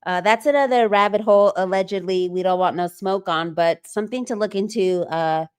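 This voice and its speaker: A woman hosting a relaxed livestream, her voice smooth and clear. She talks loosely and stops often to read viewer comments aloud, filling pauses with ums and uhs. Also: mid-range voice. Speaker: livestream host. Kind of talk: casual livestream chat.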